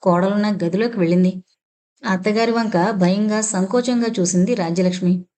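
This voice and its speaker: A woman narrating a family novel as an audiobook reader, in steady scripted narration. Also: medium pitch, normal speed. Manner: steady storytelling.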